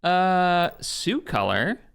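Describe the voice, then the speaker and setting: A man's voice: high-pitched, very animated, extremely slow, creaky, fairly bright tone, clean tone. A man streaming a game live, chatting casually, reading on-screen prompts aloud and answering his chat. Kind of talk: casual live gameplay commentary.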